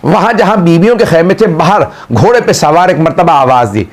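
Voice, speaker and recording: A male cleric with a high voice delivers a mourning sermon as impassioned storytelling. His delivery stretches into long, wailing cries and moves into chanted prayer. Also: animated. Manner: ends in a chanted closing prayer.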